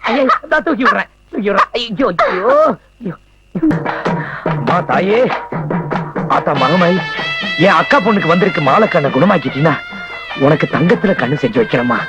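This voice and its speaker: An actor playing a fretful young village man, who wails in alarm and prays loudly for his niece. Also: sits high, big pitch swings, moderate pace, vocal fry, pauses often, highs cut off, exaggerated voice. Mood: fretting. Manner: frantic wailing, loud pleading prayers. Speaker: film character. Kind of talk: 1990s film acting. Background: film score music.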